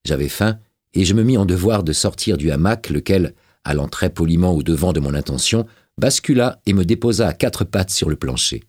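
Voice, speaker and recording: A man narrating a novel as an audiobook, with a dramatic and expressive reading. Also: low voice, a little fast, slightly rough, no echo, clean studio sound.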